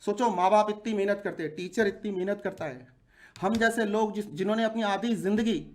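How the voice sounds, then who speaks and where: Speaking slightly fast in a high-pitched, somewhat mellow voice, a forty-year-old man who teaches exam prep addresses viewers on video. He's passionate and indignant, firing off one rhetorical question after another.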